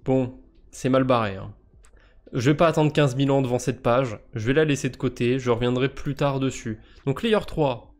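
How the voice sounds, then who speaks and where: A Frenchman's medium-pitched, darkish voice moves at normal speed as he live-streams crypto quests. His casual commentary is jokey and self-mocking, and he thinks aloud using fillers.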